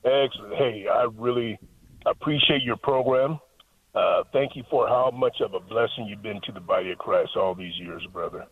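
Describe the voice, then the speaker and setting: A man's voice: fairly low pitch, normal speed, slight background noise. A man calling in to a radio show over a phone line, talking earnestly at length and quoting scripture. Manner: earnest, talkative, quotes scripture. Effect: heard over a phone line on the radio. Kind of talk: caller on a call-in radio show.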